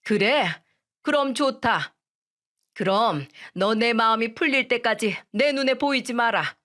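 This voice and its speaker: A woman voicing a strict middle-aged mother-in-law who scolds and gives orders in a firm, fairly high voice. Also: unhurried, a bit bright. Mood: stern. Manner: stern, scolding.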